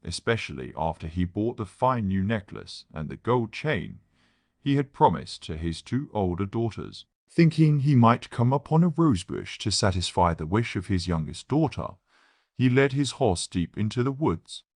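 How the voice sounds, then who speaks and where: A man reading a classic fairy tale aloud as a storyteller, in a measured, enunciated storybook-opening manner. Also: fairly low pitch, sing-song, a little mellow, no room sound, studio quality.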